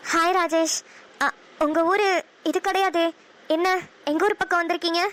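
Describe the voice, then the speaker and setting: A woman voicing a gentle, lovestruck young elder sister in a cartoon, soft and coaxing, with a Namakkal Tamil accent. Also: very high voice, fairly even intonation, normal speed, background noise. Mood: sweet. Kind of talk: cartoon voice acting.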